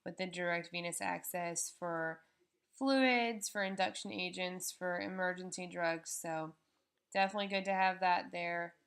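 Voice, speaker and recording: A woman's voice: lowish voice, steady tone, a little slow, a bit bright, clean tone. A woman on veterinary staff gives live explanatory commentary on a procedure, speaking informally and patiently, step by step.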